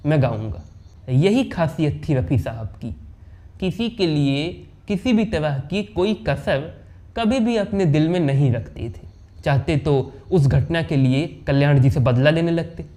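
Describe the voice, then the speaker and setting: A man narrating an anecdote in a dramatic storytelling style, shifting his voice for the people he quotes. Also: dark tone. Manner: dramatic, voices quoted characters with pitch swings. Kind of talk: anecdote narration with acted dialogue.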